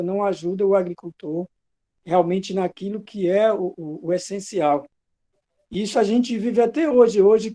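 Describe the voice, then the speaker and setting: A man's voice: high voice, warm tone. A man who works as a community health agent, giving a personal testimony in an online class, hesitant and questioning. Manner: searching, questioning, with fillers and hesitations.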